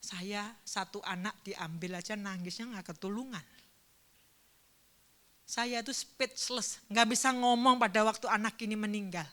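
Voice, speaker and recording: A woman pastor delivers a church sermon built around a heartfelt personal story, her speech ranging between fervent and hushed. She has a mid-range voice and a measured pace.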